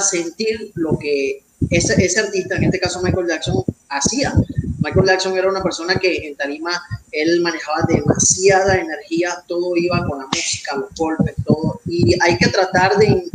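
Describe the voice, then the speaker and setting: A man with a Venezuelan accent, a guest in a casual interview, speaking in hesitant, repeated phrases. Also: high-pitched. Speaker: guest, celebrity impersonator. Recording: echoey room with loud background noise.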